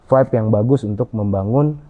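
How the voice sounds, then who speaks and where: A man answering interview questions in a halting way, with frequent fillers and restarts. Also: on the low side. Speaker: interview guest. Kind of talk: conversational interview. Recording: dull lo-fi audio.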